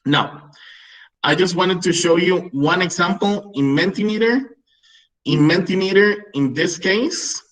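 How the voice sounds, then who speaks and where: A man's voice: a little high, fairly bright tone, poor audio. A man in his thirties presenting a webinar for English teachers, explaining classroom tools with frequent "right?" check-ins. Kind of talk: online teacher-training webinar.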